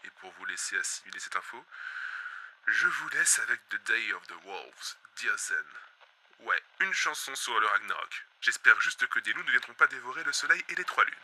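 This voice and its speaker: A man hosting a scripted comic radio monologue, theatrical and sarcastic, who lurches from hushed calm into screaming rage and back. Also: fairly low pitch, normal speed. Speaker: radio host.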